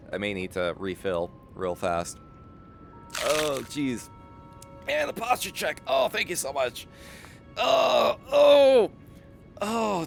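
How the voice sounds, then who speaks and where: A man chatting excitedly as a game livestreamer, animated and often repeating his phrases. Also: medium pitch, creaky. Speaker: live streamer. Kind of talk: excited gaming livestream chat.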